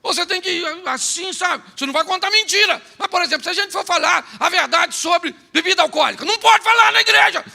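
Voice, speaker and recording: Brazilian pastor, male, very high and gravelly, joking and teasing, echoey church. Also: lively intonation, fast talker, few pauses, bright, forceful tone. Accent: Brazilian Portuguese. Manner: humorous, teasing, talks straight to the congregation. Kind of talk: sermon. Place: large church hall.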